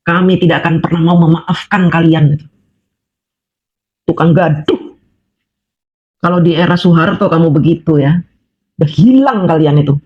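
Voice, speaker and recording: A woman's voice: low voice, moderate pace, pauses often. A woman rants straight at her opponents, scolding and mocking them and hammering on with repeated rhetorical questions. She speaks as an ordinary housewife with something to say. The recording is dull and lo-fi. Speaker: housewife voicing political opinion. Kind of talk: angry monologue addressed to critics.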